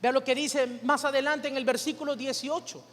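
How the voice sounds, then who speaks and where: A male pastor preaching in a high voice, throwing rhetorical questions at the congregation and drawing answers back from them. His sermon rings with the long reverb of a church hall. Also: little pitch movement, normal speed, fairly bright tone.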